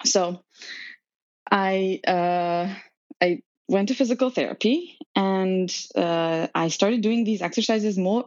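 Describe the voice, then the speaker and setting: On a podcast, a Serbian woman in her thirties tells her story conversationally, peppering it with ums and laughter. Her pitch sits fairly low, and the audio is dry, dull, and lo-fi with no room sound.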